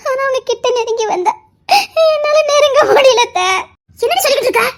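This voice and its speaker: A tearful, guilt-torn young bride. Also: female voice, very high voice, moderate pace, a little mellow. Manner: sobbing, choked, laughing through tears. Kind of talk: Tamil audio love story.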